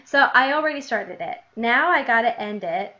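Host: young woman, slightly high voice, giggly diary-reading chat, dull lo-fi sound. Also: normal speed. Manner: giggly, animated, laughs often between readings. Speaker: podcast host. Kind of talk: casual chat reading her childhood diary. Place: lives in New Jersey, grew up in Illinois. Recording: dull lo-fi podcast audio.

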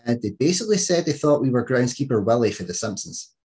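A man's voice: medium pitch, very animated, fast talker, darkish tone, a little hiss or hum. A Scottish man hosting a podcast, chatting in a jokey way with frequent laughs and fillers. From Scotland. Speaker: podcast host. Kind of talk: casual podcast chat.

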